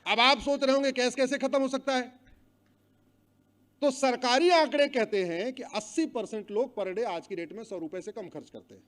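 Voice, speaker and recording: A middle-aged man with a very high-pitched voice delivers a rousing public speech. He chants long lists of wrongs at full volume and urges the audience to shout the words back. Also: moderate pace. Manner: rousing, chants long lists loudly and asks the crowd to repeat. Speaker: public speaker. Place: hall with an audience.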